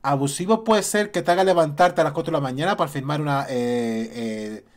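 A man's voice: fairly high pitch, brisk. A man, ranting as a YouTube commentator, indignant and repeating his points. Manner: indignant, repeats points and mocks others in quotes. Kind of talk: opinion rant to camera.

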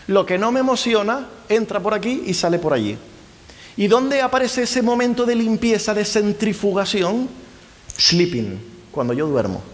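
Lively lecturer in a reverberant hall. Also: male voice, high voice. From Spain. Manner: lively, keeps asking the audience rhetorical questions. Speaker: university lecturer. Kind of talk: conference lecture to a live audience.

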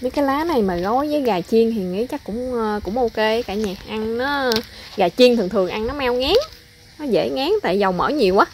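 Her voice is fairly high and brisk, with slight background noise behind it. A mother who vlogs, she gathers from her home garden outside while making easygoing conversation with viewers and addressing them often.

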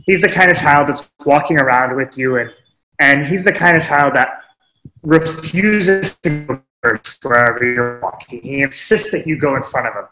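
A man telling a reflective story in a webinar talk, earnest and unhurried, with pauses and small restarts. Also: medium pitch, sharp tone, echoey room, slight background noise, poor audio. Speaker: webinar speaker sharing teaching stories. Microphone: webinar microphone.

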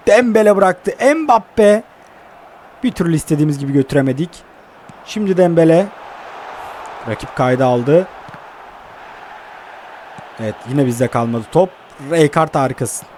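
Young male gamer, high voice, running play-by-play, frustrated outbursts, faint hiss behind. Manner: excitable, swears and groans at the game. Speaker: mobile football game streamer. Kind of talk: live gameplay commentary.

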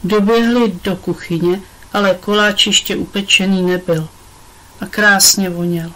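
A woman reading a children's book aloud with expressive storytelling. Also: mid-range voice, low-quality recording. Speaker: audiobook reader. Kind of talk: children's audiobook narration.

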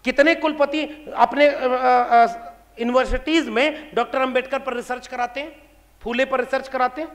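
A man's voice: very high-pitched, steady tone, normal speed. A man in his thirties from India giving an impassioned political speech to an audience, fiery and rhetorical, firing pointed questions. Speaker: speaker at a public meeting. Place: large hall before an audience. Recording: reverberant hall sound.

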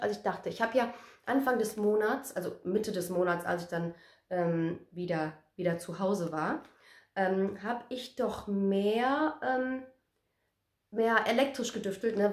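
Casting: chatty woman vlogger, casual review talk full of fillers, roomy sound. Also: mid-range voice. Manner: chatty, many fillers and tag questions. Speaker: scent vlogger.

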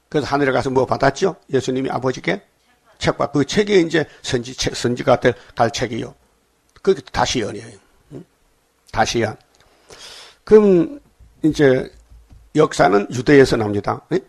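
An older man preaching at a dawn service, folksy and lively, quizzing his listeners and acting out scripture scenes. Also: mid-range voice, creaky. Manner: lively, folksy, asks the congregation questions; acts out scripture dialogue in dialect. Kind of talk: dawn sermon.

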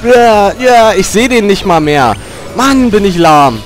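A man's voice: high-pitched, expressive, takes it slowly, faint music behind. Grumbling, yelping game-commentary guy. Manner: frustrated, grumbling and cursing at the game; loud yelps and outbursts when hit. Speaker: let's player. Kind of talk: gaming commentary.

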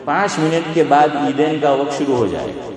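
A man's voice: fairly high pitch, normal speed, darkish tone. A man giving a conversational religious lecture, often checking with listeners through rhetorical questions. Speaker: Islamic scholar. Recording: echoey hall with crowd.

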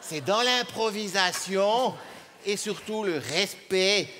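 Deadpan Swiss comedian on a big stage. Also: male voice, sits high, takes it slowly. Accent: Swiss French. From Switzerland. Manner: deadpan, hesitant, many fillers. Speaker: stand-up comedian. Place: large theater stage. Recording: live hall with reverb and noise.

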